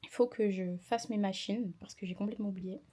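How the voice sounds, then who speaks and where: A young woman talks straight to her camera in a casual vlog, tired and chatty as she retells a run-in at school. Her voice is mellow and soft-edged and sits in a middle register. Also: mid-range voice, fairly even intonation, a little fast. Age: young adult. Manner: chatty, indignant retelling with quoted dialogue. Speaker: student vlogger.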